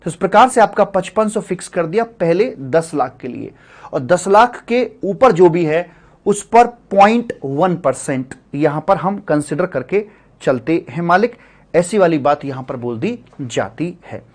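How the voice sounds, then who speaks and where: A man's voice: high-pitched, lively intonation, unhurried. A middle-aged man teaching tax law in a chatty classroom lecture, full of rhetorical questions and friendly asides to students. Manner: calls students sir and buddy.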